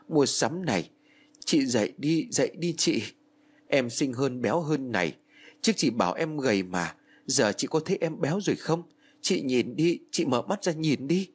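A man's voice: mid-range voice, pitched above the performer's own voice, close to an everyday voice. A man voicing a grieving young woman, the youngest sister, pleading insistently in an audiobook. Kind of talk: audiobook narration.

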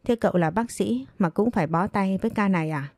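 A woman's voice: medium pitch, fairly quick, darkish tone, no room sound, studio quality, close to an everyday voice. A woman doing a mocking, cunning young maid. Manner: teasing, mocking.

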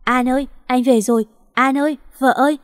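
Woman voicing a desperate young husband, urgent and pleading, raised pitch, storybook read. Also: fast talker, darkish tone, no echo, studio quality, big-room sound, lightly acted. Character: desperate young man searching for his wife.

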